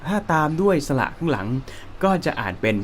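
A man with a Thai accent teaching singing, explaining slowly and breaking into high sung phrases. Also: big pitch swings, a little hiss or hum. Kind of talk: relaxed spoken singing lesson with sung demonstrations.

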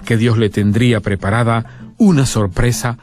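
A man's voice: mid-range voice, steady tone, moderate pace, a little mellow. Man narrating a documentary. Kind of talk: scripted narration.

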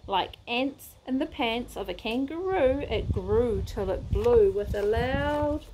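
A woman reading a rhyming picture book aloud in a sing-song, expressive way. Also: a little high, slow, slight background noise. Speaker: storybook reader.

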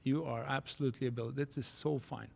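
A man in his forties from Norway with a Norwegian accent, giving a keynote speech at a university podium, earnest and halting, restarting phrases in non-native English. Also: mid-range voice, steady tone, vocal fry. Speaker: keynote speaker. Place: university auditorium stage. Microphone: podium microphone.

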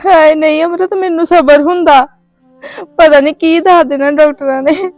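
A woman's voice: high voice, steady tone, moderate pace, darkish tone, dry recording, faint music behind, lightly acted. A woman playing a sister-in-law who laments the family's misfortune through tears in an amateur family drama. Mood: lamenting. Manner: lamenting, tearful.

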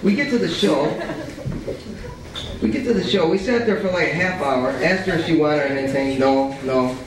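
Fairly high in pitch and at normal speed, this young man performs his prose and poems at a cafe microphone in a colloquial, profane way. The recording, from a distant camcorder in the echoey, dim room, is noisy with audience talk.

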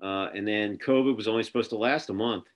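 Speaking briskly in a fairly low voice, a middle-aged interview host tells stories during a casual video call, stumbling over fillers and restarts. He sits indoors in an office with a printed backdrop, and his webcam gives the sound a lo-fi quality.

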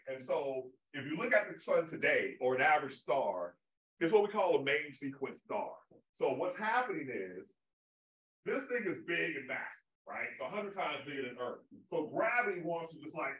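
This man, whose voice sits on the high side and sounds a bit bright, delivers a public astronomy lecture in a chatty style, often asking "right?". The audio comes from far off in the roomy hall of an observatory lecture room.

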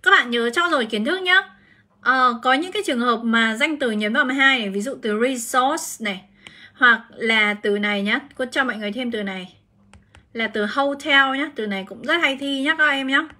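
A woman's voice: on the high side, a little fast, sharp tone. A woman English teacher from Vietnam, giving a chatty live-streamed exam prep lesson and explaining each answer step by step.

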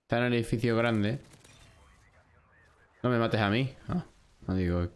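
In a clear, resonant, medium-pitched voice at a slightly slow pace, a young gaming streamer from Spain provides live commentary on a shooter. With his Spain Spanish accent, he talks to himself and his chat and swears at his defeats.

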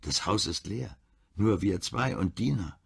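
A weary, bitter husband in his mid-forties, as the male narrator plays him. His voice is very low and creaky. It sounds rough and husky. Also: lively intonation, a little slow, heavily acted. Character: 45-year-old man, drinking, grieving husband.

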